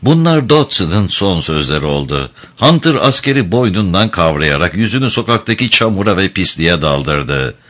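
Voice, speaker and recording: A man narrating a dark adventure storybook in a measured, grave way. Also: sits low, very animated. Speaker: audiobook narrator.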